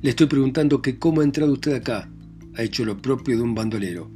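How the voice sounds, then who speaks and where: Frantic, shouting elderly husband played by a male narrator, storybook reading. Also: mid-range voice, fast, soft background music, natural voice. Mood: angry. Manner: loud, blustering and frantic. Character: flustered, jealous old husband, shouting for help.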